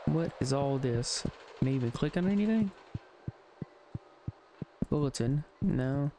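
A man's voice: medium pitch, expressive, unhurried, warm tone, a little hiss or hum. Joking man streaming a farm game. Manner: joking, muttering to himself. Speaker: gaming streamer. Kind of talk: casual game commentary. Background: game music.

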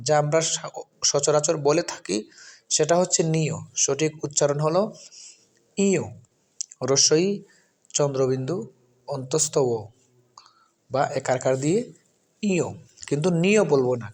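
A man, who comes from Bangladesh, teaching a lesson. He talks slowly and repeats each sound with careful stress. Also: a little high, darkish tone. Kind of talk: spoken lesson.

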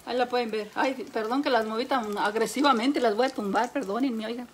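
Mexican woman, high voice, chatty cooking host, laughs a lot, close phone mic, faint sizzling behind. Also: brisk, slight background noise. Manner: laughs often, chatty, tells jokes to viewers. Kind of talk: casual chat while cooking. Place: home kitchen, indoors. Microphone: phone held close. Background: faint frying and sizzling.

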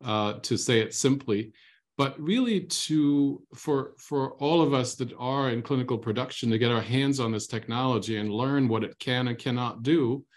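A man's voice: medium pitch, normal speed. A man in his fifties speaking as a panelist on a video call, polite and methodical with frequent uhs. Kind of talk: academic panel discussion.

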